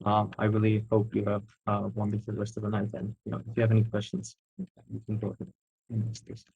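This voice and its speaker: Husky young man giving a campaign speech. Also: fairly low pitch, monotone, fast, darkish tone, lo-fi sound. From Armenia, raised in Italy. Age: young adult. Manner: earnest, with many fillers. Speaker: student candidate.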